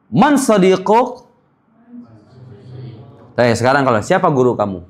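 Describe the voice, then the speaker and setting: A man with a fairly high voice leads a classroom language drill. He says each phrase slowly for students to repeat and mixes in playful asides. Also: huge pitch swings. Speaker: Arabic teacher.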